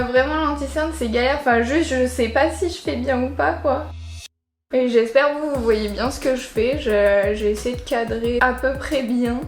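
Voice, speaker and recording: A young woman chatting casually through a makeup challenge, unsure of herself and poking fun at her own attempts. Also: high voice. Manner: chatty, unsure, self-mocking. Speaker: beauty vlogger. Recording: echoey room with faint music.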